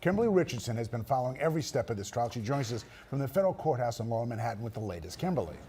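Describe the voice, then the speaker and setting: A man's voice: mid-range voice, big pitch swings, rapid-fire, dark tone, a little hiss or hum. An American man reading a scripted television news introduction as an anchor.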